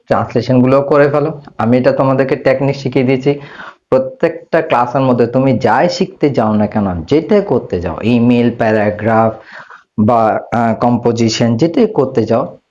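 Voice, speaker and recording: A male English teacher works through a grammar exercise at a middle pitch. He poses questions and answers them himself, and draws out the English words slowly. The audio is slightly dull and lo-fi. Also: a little mellow. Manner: slows down to spell out English words. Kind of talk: grammar lesson.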